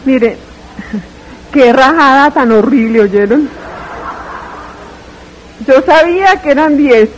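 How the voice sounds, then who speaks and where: A woman's voice: high voice, slow pace, pauses often, slight background noise, low-quality recording. A woman giving a dramatic, tearful religious testimony, retelling her story with fervor.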